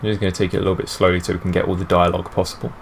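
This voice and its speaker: Male let's-play host, very low voice, chatty fan commentary. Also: flat delivery, rapid-fire, vocal fry, slight background noise. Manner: rambling, enthusiastic fan talk. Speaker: gaming channel host.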